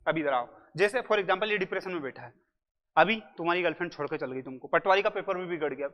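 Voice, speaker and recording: Male tutor, high voice, chatty exam-prep lecture style; dull audio with long reverb. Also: lively intonation, quick pace. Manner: chatty, jokey, addresses students as brother. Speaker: Hindi grammar teacher. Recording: muffled lo-fi audio in a reverberant room.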